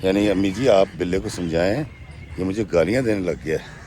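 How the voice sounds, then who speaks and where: A man voicing a meek, mistreated young wife who speaks softly and pleadingly. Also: low-pitched, a little hiss or hum, pitched below the performer's own voice, close to an everyday voice. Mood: sad.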